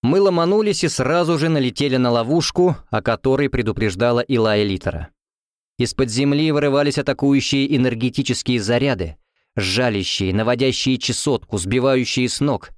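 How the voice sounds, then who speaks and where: A man narrating a fantasy novel as an audiobook reader, in an even, measured storytelling manner. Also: mid-range voice, dry recording. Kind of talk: scripted narration. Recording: dry close recording.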